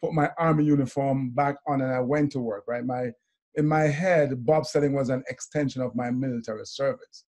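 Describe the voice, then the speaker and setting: A man's voice: mid-range voice, fairly quick. Man hosting a video call. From Jamaica. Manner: animated, laughs often. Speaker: host. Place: indoor room before a branded backdrop.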